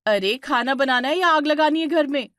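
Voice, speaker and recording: A woman voicing a bossy elder sister-in-law in a cartoon story, loud and exasperated as she scolds. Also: sits high, animated, fast talker, no room sound, studio quality, pitched above the performer's own voice. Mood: scolding.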